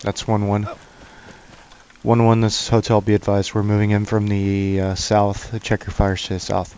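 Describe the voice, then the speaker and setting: A man's voice: lowish voice, completely flat delivery, a little mellow, muffled recording, a little hiss or hum. A man leading a squad in a shooter game, giving clipped orders in military radio style. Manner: clipped commands, brisk and matter-of-fact. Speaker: squad leader. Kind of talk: military radio procedure over game voice chat.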